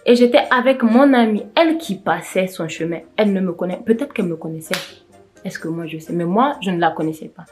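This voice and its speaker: A woman's voice: fairly low pitch, brisk, a little mellow, soft background music. A tired young woman telling a personal story in a casual vlog, rambling, with frequent restarts and self-corrections.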